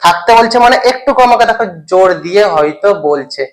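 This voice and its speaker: A teacher walks through a grammar point in a lesson video. They keep asking questions and checking that the listener follows. Example English sentences are read out slowly, one word at a time. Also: mid-range voice, expressive, low-quality recording. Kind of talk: explaining grammar in a recorded lesson.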